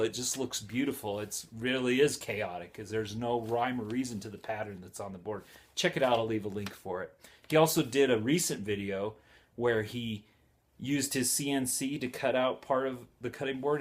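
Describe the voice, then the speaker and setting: A man hosting his own woodworking channel, talking casually and rambling with many fillers. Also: medium pitch. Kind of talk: casual talk to camera.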